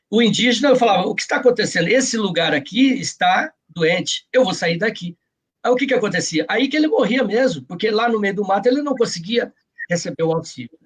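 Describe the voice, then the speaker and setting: With a high, breathy voice, a man with a Brazilian Portuguese accent, a journalist and author, earnestly lays out his perspective as a guest in a reflective interview, frequently checking for agreement with brief tags.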